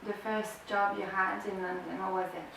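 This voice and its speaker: A woman hosting a podcast interview, asking questions in a halting way with fillers. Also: medium pitch, flat delivery, creaky, a bit bright. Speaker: podcast host. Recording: echoey room, distant mic, faint hiss.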